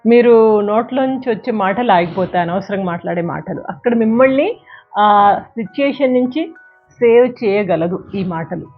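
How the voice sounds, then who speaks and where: Woman speaker with mid-range pitch, counseling an audience on a narrow, tinny recording. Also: normal speed. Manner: counsels listeners directly, with examples, mixing in English phrases. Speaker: self-help speaker. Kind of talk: motivational talk. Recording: tinny phone-like sound, faint music.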